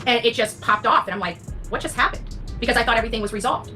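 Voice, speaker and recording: An online true crime creator delivers a blunt, impassioned rant to her audience, indignant and emphatic and swearing often. Her voice is fairly high, fast, pushed and bright, captured in a rough recording over background music.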